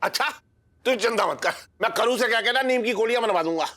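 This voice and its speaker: A man's voice: very high voice, fast talker, pushed and bright. An actor playing a doting father in a TV sitcom, coaxing and pleading in a sing-song way. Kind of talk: sitcom acting.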